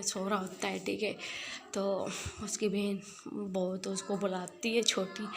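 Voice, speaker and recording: A woman narrating a love story in a loose, conversational way. Her pitch sits in the middle range, and she circles back over events as she tells them. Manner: chatty, repetitive, conversational. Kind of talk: casual spoken storytelling.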